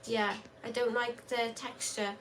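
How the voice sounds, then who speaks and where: A woman co-hosting a live stream, her voice bright and fairly high. She is frank and opinionated in casual chat, with a faint hum behind her. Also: little pitch movement, a little slow. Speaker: co-host.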